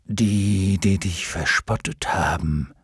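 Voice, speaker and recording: A man voicing a wise, solemn male luck dragon in an audiobook, speaking slowly and gravely. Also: low voice, no echo, studio quality, heavily acted. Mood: gentle. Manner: slow, grave, almost ceremonious. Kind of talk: audiobook character voice.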